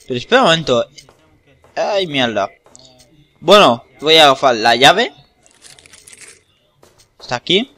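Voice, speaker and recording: A man's voice: fairly high pitch, big pitch swings, measured pace, pauses often, sharp tone. A man with an accent from Spain giving casual, rambling, repetitive gameplay commentary with plenty of swearing. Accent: Spanish from Spain. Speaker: gamer.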